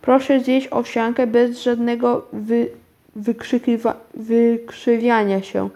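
An impatient mother calls her daughter in a loud, raised voice, as a woman reading the story puts her on. Her pitch climbs high as she calls. The delivery stays slow and deliberate. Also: level tone.

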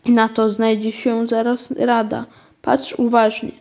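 A woman reading aloud, voicing a tiny male magic bead with a soft, silvery little voice that turns solemn and urgent. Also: on the high side, completely flat delivery, slow pace. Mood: playful.

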